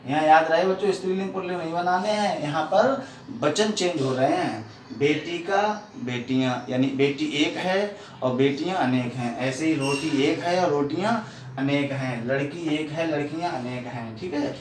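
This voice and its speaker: A male teacher giving a lesson to young children, speaking slowly and deliberately and repeating each definition. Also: a little high. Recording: echoey room, distant mic, faint hiss.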